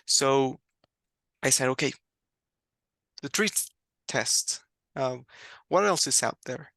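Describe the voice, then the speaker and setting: As a guest in conversation, a man from Mexico whose first language is Spanish recounts his personal faith story slowly in a gravelly, medium-pitched voice that's a bit bright. He comes across as reflective and candid, laughs often and restarts words, and the clean studio sound has no echo.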